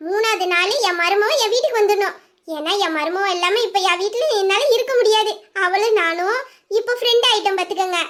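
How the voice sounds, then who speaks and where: A woman's voice: extremely high pitch, brisk, a bit bright. A woman voicing a cheerful village mother-in-law who chats and teases fondly about her daughter-in-law. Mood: teasing. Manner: chatty, teasing.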